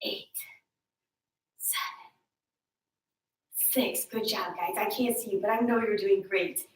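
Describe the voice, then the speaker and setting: Her mid-range voice stays steady and slow as this fitness instructor runs a home workout in a room with a mirror. Between sets of counted reps she makes chatty jokes, and the distant recording carries a roomy echo.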